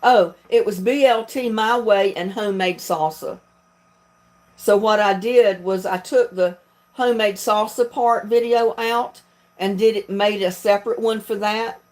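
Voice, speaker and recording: Unhurried and steady, with a slightly mellow mid-range voice, a Southern woman from North Carolina hosts a livestream as a video creator. She is folksy and chatty and laughs a lot as she talks casually.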